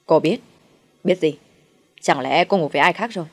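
A woman's voice: deep voice, normal speed. A woman voicing a harsh, scheming middle-aged mother-in-law who scolds and commands. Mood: scolding.

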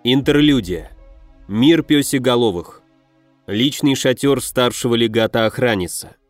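A man's voice: mid-range voice, measured pace, no echo, faint music behind. Man narrating a fantasy audiobook.

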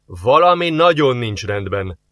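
A man's voice: mid-range voice, big pitch swings, fairly bright tone, no echo. A man playing a curt suspicious demon. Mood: sarcastic. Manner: curt, sarcastic, wary. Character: gruff suspicious male demon. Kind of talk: audiobook character voice.

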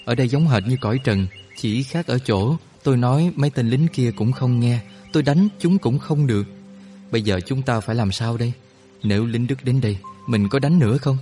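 A man voicing a young male soldier, excitable and panicky, who speaks in loud, fast, alarmed outbursts. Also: medium pitch, faint music behind, natural voice. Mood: anxious.

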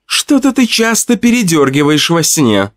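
A woman's voice: low voice, sing-song, moderate pace, no room sound, clean studio sound, voice pushed up. A man voicing an impatient, teasing young woman who keeps interrupting a story. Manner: eager, interrupting.

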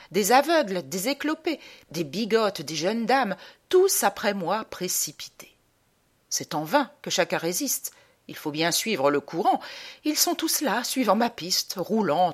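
A woman reciting a comic monologue in a theatrical style, swinging between loud outbursts and hushed drops. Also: medium pitch.

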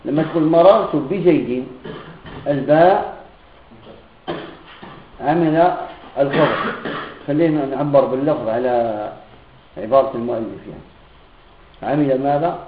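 A man teaching a classroom grammar lesson who often checks that his students follow and repeats example phrases slowly. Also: medium pitch, a little hiss or hum. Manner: keeps checking students' understanding with questions. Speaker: Islamic teacher. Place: room with students present. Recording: echoey, tinny lo-fi recording.

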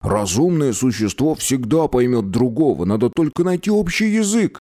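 A man's voice: medium pitch, very animated, normal speed, dark tone, no echo, clean studio sound, voice pushed up, natural voice. A man doing an eager young apprentice. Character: eager young male apprentice, bold and enthusiastic.

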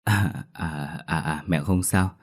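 A stern old grandmother in a storybook ghost tale, as a male narrator voices her. She speaks firmly and readily turns to scolding. Her voice stays low and plain. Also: slow pace. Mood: calm. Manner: scolding, firm.

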